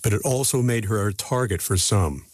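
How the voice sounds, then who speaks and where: A man reporting a radio news feature in measured, deliberate scripted narration. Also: lowish voice, background noise.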